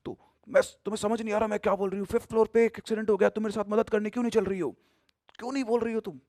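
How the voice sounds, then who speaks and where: A man voicing an angry ghostly woman in a lift, demanding and shrill. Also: steady tone, very fast, darkish tone, no echo, clean studio sound, lightly acted. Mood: furious.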